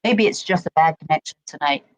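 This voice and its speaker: A man's voice: fairly high pitch, brisk, dry recording. A man chatting casually as a guest on a live stream, his voice muffled and fading in and out as the connection drops. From Britain. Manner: rambling, chatty, laughs it off. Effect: muffled mic cutting in and out on a weak stream connection. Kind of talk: casual chat. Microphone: home computer mic. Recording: muffled, dull stream audio.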